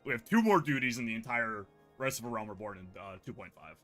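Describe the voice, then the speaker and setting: A man's voice: lowish voice, lively intonation, quick pace, bright, forceful tone, faint music behind. A man co-streaming a game, casually explaining what comes next in a laid-back way. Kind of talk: casual gameplay chat.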